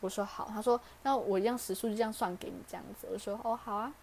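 A young woman with a Taiwanese Mandarin accent hosts a podcast and chats through a personal story at a quick clip. She talks fast and plays out the lines of the people in the story as she goes. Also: mid-range voice, steady tone, darkish tone, a little hiss or hum. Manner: chatty, acts out quoted dialogue. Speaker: podcast host. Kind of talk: casual storytelling.

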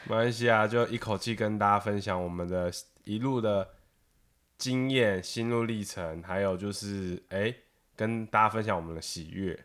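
Deep-voiced easygoing man chatting. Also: moderate pace, fairly bright tone. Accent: Taiwanese Mandarin. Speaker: co-host, host's husband. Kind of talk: casual chat.

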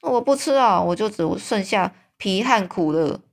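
A woman voicing a huge, very old, kindly male giant who mixes up his words and talks loudly. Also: medium pitch, expressive, normal speed, gravelly. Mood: disgusted. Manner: loud, exclaiming, sorrowful grumbling.

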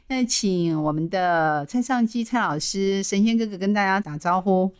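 A woman's voice: medium pitch, moderate pace, clear, resonant tone. A woman with a Taiwanese Mandarin accent, hosting a casual interview show. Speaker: radio show host.

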